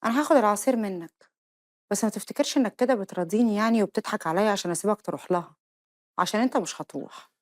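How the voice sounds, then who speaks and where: A woman playing a rapid-talking Egyptian wife. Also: mid-range voice, a little mellow, close to an everyday voice. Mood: suspicious. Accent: Egyptian Arabic. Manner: rapid, insistent. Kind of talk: comedy film acting.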